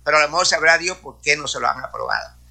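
A man speaks to a congregation in a testimony-style sermon, sprinkling hallelujahs and praise between his sentences. His voice sits high for a man, with a sharp, very bright edge. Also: wildly swooping pitch, fast talker, creaky. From Puerto Rico. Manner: peppers speech with hallelujahs and praise. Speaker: church speaker.

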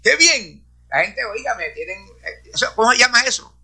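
Guy preaching to his church, high bright voice, keeps saying hallelujah. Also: lively intonation, normal speed, breathy edge. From Puerto Rico. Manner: peppers speech with hallelujahs and praise. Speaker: church speaker. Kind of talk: preaching testimony to a congregation.

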